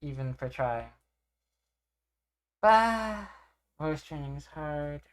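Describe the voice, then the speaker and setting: A young woman with an exceptionally low voice chats casually on a live stream. She rambles, reacts to her chat, and teases herself between tasks, all at a relaxed pace. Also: measured pace.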